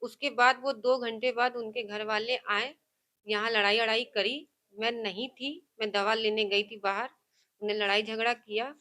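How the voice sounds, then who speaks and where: Woman, fairly high voice, emphatic and insistent, words tumbling out, news interview. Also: fairly even intonation, normal speed, bright, forceful tone. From Kanpur. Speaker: victim's sister. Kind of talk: news interview and heated argument.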